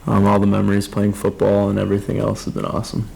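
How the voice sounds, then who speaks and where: A man's voice: on the low side, monotone, fast, vocal fry, darkish tone, poor audio. A young man from Arizona who plays college football, answering politely in an interview. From Phoenix, Arizona. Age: 20s. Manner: polite, says yes sir. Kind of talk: casual interview.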